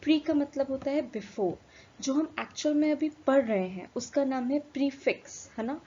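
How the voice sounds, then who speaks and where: A woman teaching an English lesson, switching between Hindi and English and spelling words letter by letter, slowing down for English definitions. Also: high-pitched, dark tone. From India. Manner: slows right down for English definitions. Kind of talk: recorded classroom lesson. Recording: dull lo-fi recording with faint room noise.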